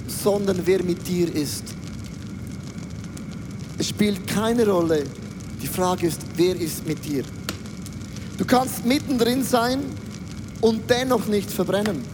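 An emphatic male preacher in full sermon mode, rallying his audience and tossing in English catchphrases. His voice sits very high for a man. The sound rings with the long reverb of a large hall. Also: noisy background. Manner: emphatic, rousing, calls for the audience to answer.

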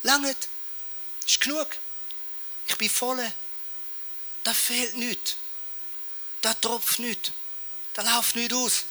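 A preacher voicing God in a sermon as a calm, self-sufficient presence, speaking softly and quietly. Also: male voice, very high voice, slow pace, pauses often, slight background noise, voice pushed up, heavily acted. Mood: serene.

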